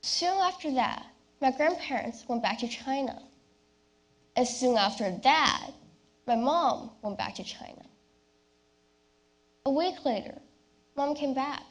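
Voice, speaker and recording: A young woman delivering a rehearsed, memorized competition speech as a personal story, with deliberate, theatrical phrasing and dramatic pauses. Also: high voice, lively intonation. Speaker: youth speech competition contestant.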